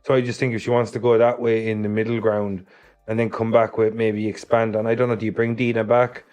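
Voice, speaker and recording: A man's voice: on the low side, flat delivery, brisk, darkish tone. A man from Ireland with an Irish accent, co-hosting a film podcast and thinking aloud with many fillers. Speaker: podcast co-host. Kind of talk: casual film review chat.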